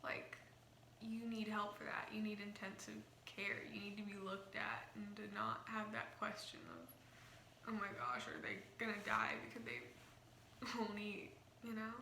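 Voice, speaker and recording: A young woman talks in a bright, forward voice with a slight retainer-like lisp, rambling casually as she explains things. The room is echoey, with a faint noise underneath. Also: medium pitch, normal speed, gravelly. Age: young adult. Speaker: vlogger. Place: small indoor room. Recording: roomy echo, faint background noise.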